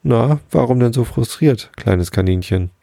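A man voicing a friendly, helpful little male crab in a bedtime story, speaking slowly and coaxingly. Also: medium pitch, expressive, gravelly, mellow, dry recording, studio quality. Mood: kindly.

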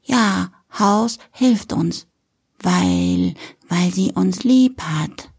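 A small, earnest girl who drags her words out slowly and insists on her point. Her voice is husky, gravelly and dark, with a woman acting her out. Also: medium pitch, animated, exaggerated voice. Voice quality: slow, drawn-out childlike speech. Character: little girl, earnest and stubborn.

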